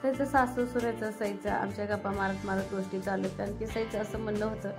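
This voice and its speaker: Speaking fairly quickly over music, this family vlogger has a medium-pitched voice with fairly even intonation. Her rural Maharashtrian Marathi accent comes through as she chats colloquially and warmly while narrating. The clip is a relaxed home vlog where she talks through her cooking.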